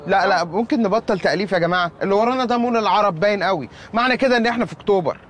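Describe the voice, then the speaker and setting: Snappy egyptian guy, bossy, talks super fast, bit of street noise. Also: high-pitched, fairly bright tone. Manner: sarcastic, bossy, irritable. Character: sarcastic young man lost in time. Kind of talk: comedy series acting.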